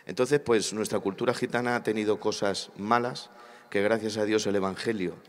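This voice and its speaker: Speaking at a moderate pace in a lowish, fairly even voice, a man from Spain addresses a church congress panel with preacherly passion, driving points home by repeating phrases. The big congress hall adds reverb.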